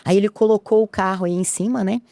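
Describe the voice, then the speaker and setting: A woman's voice: steady tone, fast, vocal fry, mellow. A woman, a podcast guest telling a personal story and acting out the dialogue. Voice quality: low voice. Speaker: interview guest.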